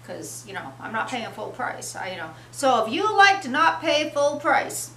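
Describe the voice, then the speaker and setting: Brief: man voicing a high-pitched, lonely, penny-pinching man in his fifties, earnest and rambling, recorded roomy and far off. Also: very animated, moderate pace, vocal fry, sharp tone, full character voice. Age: middle-aged. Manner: earnest, rambling, repeats himself. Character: lonely thrifty middle-aged man, awkward and earnest. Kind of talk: comedy sketch. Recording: roomy, distant mic, faint hiss.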